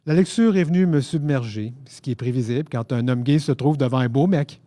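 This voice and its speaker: A man from Quebec with a Québécois French accent, reading his own first-person story aloud at a book fair in a lively, self-mocking, theatrical way. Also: mid-range voice, brisk, no echo. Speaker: author reading his novel.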